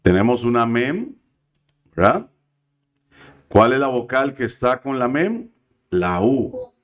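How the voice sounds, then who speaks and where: A man's voice: medium pitch, sing-song, takes it slowly. A man teaching a biblical Hebrew class, patient and careful, often checking in with his students. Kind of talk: classroom lesson.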